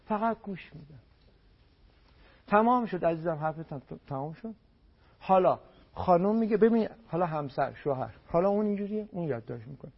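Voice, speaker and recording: A man's voice: high-pitched, expressive, creaky, breathy edge. A man on a radio program as a family counselor, giving marriage advice in an emphatic way and repeating words for stress. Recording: dull lo-fi radio broadcast.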